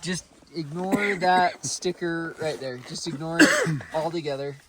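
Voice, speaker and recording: A man's voice: fairly high pitch, a little slow. A man casually narrating an outdoor vlog in the snowy mountains, chatty and joking, with exclamations. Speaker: vlogger. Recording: loud wind and engine noise outdoors.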